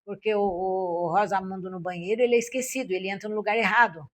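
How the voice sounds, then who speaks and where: Older woman from Brazil, ex-principal and Portuguese teacher. Quick, lively storyteller who acts out the dialogue. Interview setting. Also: medium pitch. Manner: lively storytelling, acting out her own and pupils' lines. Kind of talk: interview, recalling classroom experiences.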